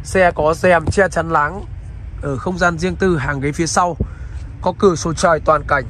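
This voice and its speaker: Fairly high-pitched and bright, this man speaks at a normal speed with fairly even intonation, and a slight hiss or hum sits under the recording. He narrates a used car sales tour in dealer-style patter, courteously talking to viewers beside and inside a roadside car.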